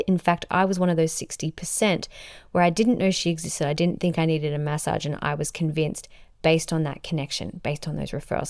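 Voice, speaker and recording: A woman's voice: deep voice, darkish tone, dry recording, clean studio sound. A woman, a business coach hosting a solo podcast. She talks in an upbeat, emphatic way and stacks words into lists. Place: sitting on a bed.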